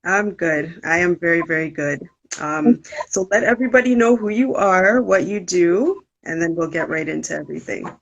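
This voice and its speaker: Woman interviewer, husky and gravelly, relaxed and brief in her questions. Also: on the low side, normal speed, muffled recording. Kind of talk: casual interview talk.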